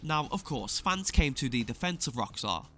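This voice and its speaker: A man's voice: mid-range voice, very animated, moderate pace, bright, forceful tone. A man delivering scripted opinion commentary as a video essayist, with a sarcastic, scathing exposé tone. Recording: clear music bed under voice. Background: background music.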